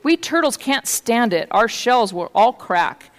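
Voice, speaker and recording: A woman plays a plain little storybook turtle, humble and put-upon. He pleads politely and groans, in a clear voice with long hall reverb around it. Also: a little high, expressive, measured pace, pitched above the performer's own voice. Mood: pained protest. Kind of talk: storybook read-aloud.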